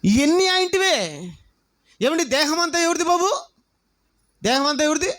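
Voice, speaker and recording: A male pastor, preaching a sermon through animated storytelling and repeated rhetorical questions. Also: very high voice, normal speed. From South India.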